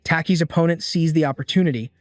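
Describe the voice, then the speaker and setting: A man reading a scripted story recap with steady, dramatic storytelling. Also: fairly high pitch, fast, no echo, studio quality. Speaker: recap narrator. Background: faint music.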